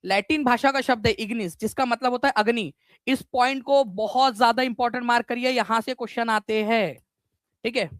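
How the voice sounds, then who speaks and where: Leading a live online exam-prep class, a man teaches with energy and repetition, quizzing students and adding English words. His pitch is extremely high, his pace a little fast, and the recording dry.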